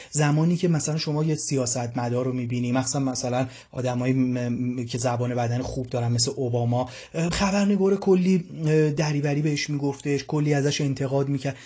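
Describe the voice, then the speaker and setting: Husky-voiced man coaching casually. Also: mid-range voice, mellow. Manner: conversational, uses everyday examples and anecdotes, frequent fillers. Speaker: communication skills coach. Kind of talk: informal self-help lesson.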